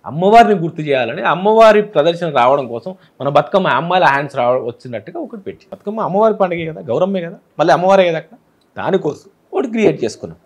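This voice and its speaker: A man's voice: fairly high pitch, sing-song, fast talker. A man with a Telangana Telugu accent, a film director, explaining his film in an interview with examples from village speech. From Telangana, India.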